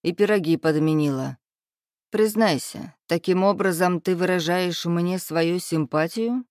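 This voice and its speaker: A woman's voice: on the low side, a little slow, a little mellow, dry recording, studio quality, natural voice. A woman doing a smug, teasing young man. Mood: mocking. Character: brash mocking young man, a restaurant owner.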